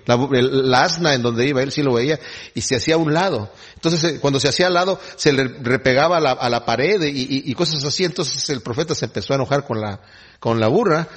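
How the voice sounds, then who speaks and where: A man's voice: mid-range voice, slightly rough. A man preaching in a casual teaching style, retelling scripture conversationally and quoting the people in it. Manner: conversational, retells scenes with quoted voices.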